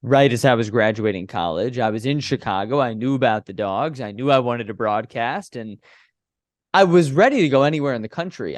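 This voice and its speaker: A young man in his twenties tells stories from his broadcasting work with animated, chatty energy. His voice sits in a middle register and sounds dry and close on a studio podcast mic. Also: mid-range voice, no room sound. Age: 20s. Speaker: baseball broadcaster, guest. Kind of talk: conversational interview.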